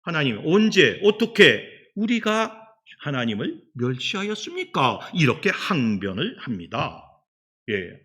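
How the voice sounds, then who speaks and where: A middle-aged male pastor preaching a Sunday sermon. He swings from loud shouting peaks to quiet low asides and leads the congregation in reading scripture aloud. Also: very animated, measured pace, breathy edge.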